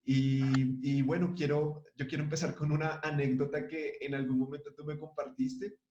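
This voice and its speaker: A man interviewing a guest, asking questions in a halting, friendly way with many fillers. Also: a little high, little pitch movement, dark tone. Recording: echoey, dull lo-fi room sound.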